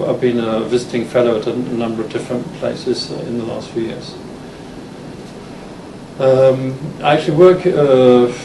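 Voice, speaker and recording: A man in his fifties from Denmark with an English accent, giving a lecture in a halting manner with frequent restarts. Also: mid-range voice, gravelly. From Denmark, born in England. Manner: halting, many restarts and fillers. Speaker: university lecturer giving a talk. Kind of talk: conference lecture. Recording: roomy, distant, noisy hall recording.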